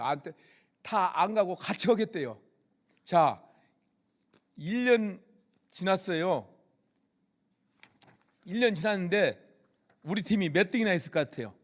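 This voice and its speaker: A middle-aged man tells his church testimony as a story, often turning to put questions to the audience. His voice sits high for a man and swings widely, rising and falling through every phrase. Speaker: police chaplain giving testimony.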